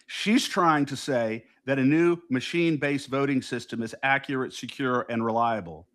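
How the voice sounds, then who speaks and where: Emphatic and indignant, this loud-voiced co-host of a political talk show keeps restarting his thoughts during casual political chat. His voice sits in the mid-range and moves at a moderate pace.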